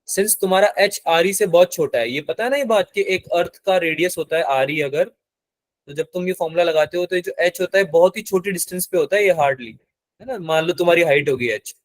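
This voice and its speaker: Physics teacher man, bit high voice, dry close sound, keeps quizzing students. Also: no room sound. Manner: asks the class frequent check questions; mixes English terms into Hindi. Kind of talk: live classroom lecture.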